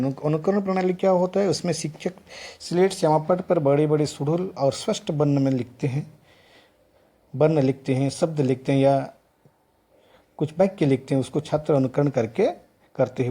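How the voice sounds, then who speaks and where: A man's voice: on the high side, dark tone. A middle-aged man lecturing teacher trainees, listing examples one word at a time with frequent restarts. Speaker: teacher educator. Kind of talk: classroom lecture.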